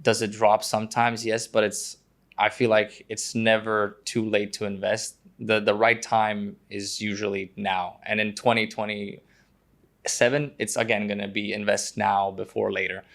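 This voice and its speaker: A man's voice: lowish voice, flat delivery, measured pace, creaky, a bit bright. A man from Croatia, a guest on a podcast, talking casually and hesitantly with many fillers and restarts. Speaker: guest, prospective investor.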